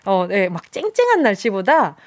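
A young woman hosting a playful radio quiz show, animated and theatrical as she reads listener messages aloud. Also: medium pitch, normal speed, no echo, clean studio sound. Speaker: radio host. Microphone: studio microphone.

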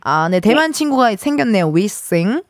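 A woman's voice: medium pitch, very animated, moderate pace, no echo, clean studio sound. A woman hosting a radio show, chatting playfully with a caller and laughing often. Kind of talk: casual radio chat with a caller.

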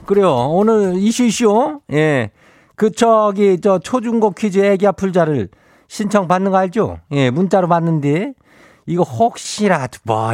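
A man's voice: fairly high pitch, darkish tone, dry recording, clean studio sound, voice pushed up, natural voice. A man voicing a folksy, rambling rural village headman with a Chungcheong accent, making announcements in a comic radio bit. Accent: Chungcheong Korean. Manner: rustic, rambling, repeats himself.

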